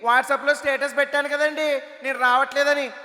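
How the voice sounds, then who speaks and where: A man putting on the voice of a naive young housemaid, speaking slowly and innocently in a reverberant hall. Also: very high-pitched, flat delivery, sharp tone, voice pushed up.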